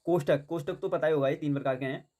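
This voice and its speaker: A man's voice: a little high, quick pace, dark tone. A man teaching a Hindi grammar lesson for exam preparation. He asks questions and answers them himself, repeats points often, fills gaps with "theek hai" and mixes English words into his Hindi.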